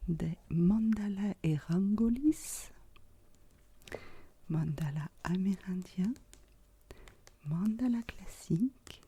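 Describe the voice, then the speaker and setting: A woman ASMR host speaking in a soft, unvoiced whisper, very close, right in the listener's ear. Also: medium pitch, slight background noise.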